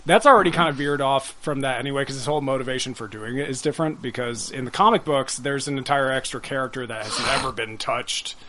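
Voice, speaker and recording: A man's voice: medium pitch, fast, hardly any pauses, background noise. A man co-hosting a podcast in casual chat, wry and swearing freely, with plenty of fillers. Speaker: podcast co-host.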